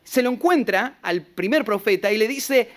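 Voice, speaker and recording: Speaking at a moderate pace, this man has a high-pitched, expressive voice and a Rioplatense Argentine Spanish accent. As pastor, he delivers an expository sermon, retelling scripture with rhetorical asides and frequent repetition of short words.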